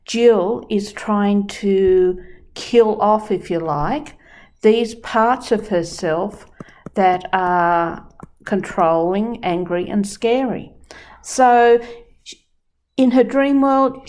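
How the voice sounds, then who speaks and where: A woman's voice: medium pitch, slow, darkish tone. A woman teaching dream work who talks through a client example step by step. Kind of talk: explaining a dream-work session.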